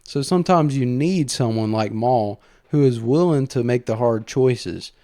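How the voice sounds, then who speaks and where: A man's voice: mid-range voice, measured pace, warm tone, no room sound, studio quality. A man hosting a casual commentary podcast, recapping a story enthusiastically and conversationally, with fillers. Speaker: host.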